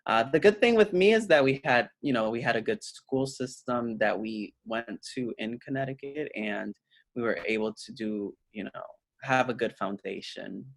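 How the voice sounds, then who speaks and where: A middle-aged man from Puerto Rico, an educator guest talking casually in an interview, pausing often with fillers and restarts. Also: medium pitch, dry recording. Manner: hesitant, many fillers and restarts.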